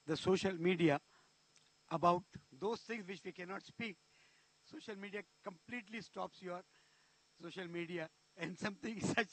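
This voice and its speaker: At a conference, a man with a Pakistani accent, a native Urdu speaker, gives an emphatic speech and slows down to stress his key points. His voice sits high and a bit bright, with no echo, though the recording is rough.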